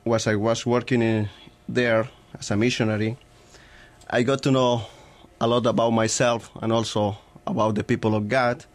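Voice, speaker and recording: Soft-spoken Colombian man, slow and careful. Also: lowish voice. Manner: slow, careful, with small restarts. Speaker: seminarian guest.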